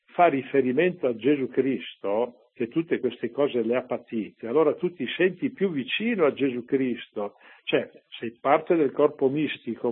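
Man, priest, conversational homily, rhetorical asides, husky tone, tinny radio sound. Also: mid-range voice. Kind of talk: preaching a homily on the readings.

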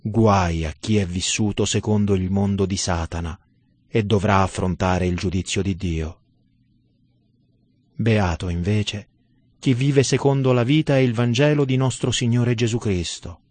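A man reading a devotional sermon in a solemn, measured and emphatic manner. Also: on the low side, fairly even intonation, darkish tone, no echo. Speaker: religious narrator.

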